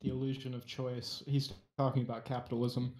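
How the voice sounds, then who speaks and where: A man playing a tabletop game, asking quick, joking questions in roomy audio. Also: medium pitch, level tone, a little mellow. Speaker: player. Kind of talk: tabletop game role-play.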